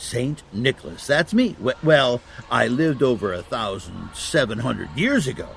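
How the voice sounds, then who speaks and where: Man playing a gravelly, animated old Santa Claus. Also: medium pitch, unhurried, a little hiss or hum. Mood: fond storytelling. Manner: avuncular, chuckling, gently explanatory, hesitant phrasing. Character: kindly old male Santa Claus, Saint Nicholas. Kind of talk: children's audio drama acting.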